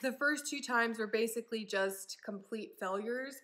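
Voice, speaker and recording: Young woman, fairly high bright voice, casual upbeat haul chatter, ums. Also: normal speed. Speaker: vlogger. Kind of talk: casual try-on haul chat.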